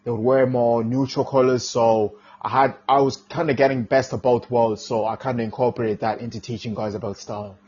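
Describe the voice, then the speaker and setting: A man's voice: medium pitch, a little fast, hardly any pauses, husky. Young man from Zimbabwe on muffled audio. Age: 20s. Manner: relaxed, with frequent fillers. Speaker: guest. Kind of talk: casual interview answers.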